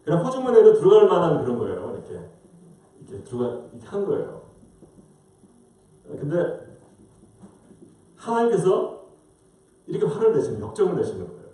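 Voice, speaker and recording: A man's voice: a little high, huge pitch swings, a little fast, pauses often, mellow. A man preaching a sermon as pastor, asking rhetorical questions and acting out quoted voices. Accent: Korean-American. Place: church sanctuary. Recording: roomy distant church mic.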